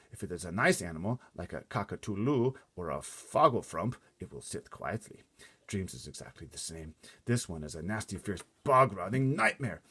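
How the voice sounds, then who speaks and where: In full character voice, a man plays the storybook's enormous giant, kind yet quick to get worked up, with jumbled folksy grammar and dramatic exclamations. He sounds earnest as he explains, his pitch fairly low with a breathy edge.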